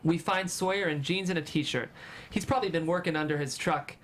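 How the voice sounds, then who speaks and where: Scene after scene, a screenplay's stage directions become dramatic storytelling in the hands of a narrator at a table read. The voice sits at medium pitch, and the delivery is brisk with a fairly bright tone.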